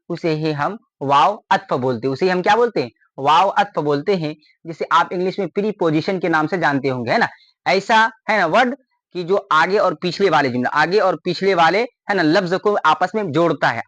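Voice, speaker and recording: A man's voice: on the high side, a bit bright, no echo. A man teaching a grammar lesson, often repeating a question to his students and then answering it.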